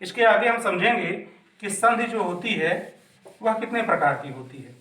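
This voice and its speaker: A man's voice: high voice, lively intonation, normal speed, a bit bright. Male teacher in an echoey room. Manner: patient, repeats and asks himself questions. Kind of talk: classroom grammar lesson. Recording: echoey room, mic at a distance.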